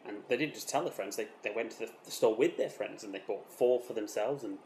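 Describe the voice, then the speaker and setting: A self-important British razor developer, played by a man, gives a mock documentary interview in a lowish voice. He boasts with deadpan earnestness and false modesty, halting and repeating himself defensively. The room echoes around him, with faint noise behind. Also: close to an everyday voice. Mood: proud storytelling. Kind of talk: mock documentary interview, improvised-sounding monologue. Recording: roomy echo with faint background noise.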